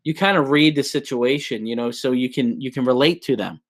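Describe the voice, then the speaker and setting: A man's voice: medium pitch, fairly quick. A man hosting a live show, chatting casually and telling work stories with many restarts. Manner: storytelling, relaxed, lots of restarts. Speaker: host.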